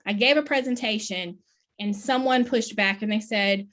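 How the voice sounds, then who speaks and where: A woman's voice: medium pitch, normal speed, fairly bright tone. A middle-aged woman, a professor, delivering a conference keynote in an earnest, emphatic way, with many questions. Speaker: plenary speaker, professor.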